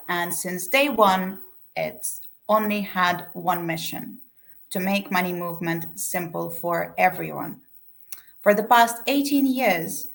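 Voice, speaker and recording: A woman's voice: on the low side, creaky, fairly bright tone. A young woman from Estonia, giving a business webinar and reading from a prepared script. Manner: reads a prepared script evenly. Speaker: webinar speaker, sales manager.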